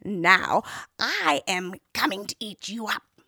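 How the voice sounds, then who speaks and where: Woman doing a greedy old dragon, breathy half-whisper, slow. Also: medium pitch, big pitch swings, pushed and bright, dry recording, studio quality, exaggerated voice. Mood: menacing. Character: ravenous ancient male dragon, blunt and greedy.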